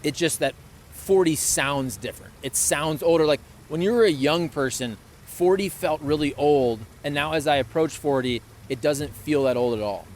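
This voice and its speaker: A man in his late thirties co-hosting a podcast in relaxed, chatty conversation. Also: on the high side, moderate pace, a little hiss or hum. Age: 30s. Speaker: podcast co-host. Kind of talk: casual chat.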